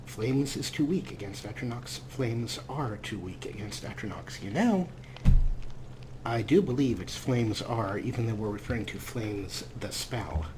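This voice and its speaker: With clear game ambience and background noise behind him, a man delivers playful, casual let's play commentary, wordy and wry, with a theatrical streak. His fairly low voice is animated, and he keeps a measured pace.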